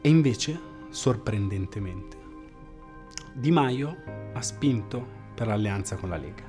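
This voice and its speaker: A man playing a disillusioned former party member in a mockumentary interview, recounting events in a flat, matter-of-fact way. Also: on the low side, slow. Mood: deadpan. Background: background music.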